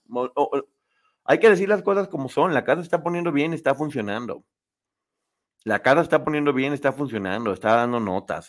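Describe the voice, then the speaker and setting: A man hosting a casual live show, chatting opinionatedly and reading viewer comments. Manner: chatty, opinionated, lively pitch swings.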